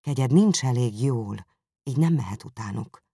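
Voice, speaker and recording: Narrator doing a reserved gentleman, low formal voice, a bit gravelly, dry sound. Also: expressive, no echo. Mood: concerned. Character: reserved gentleman, shaken but composed.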